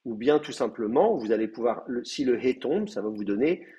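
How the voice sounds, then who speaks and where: A man's voice: mid-range voice, expressive, fairly quick, dark tone, highs cut off. A man with a French accent giving a university lecture, hesitant, with many fillers and restarts. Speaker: teacher.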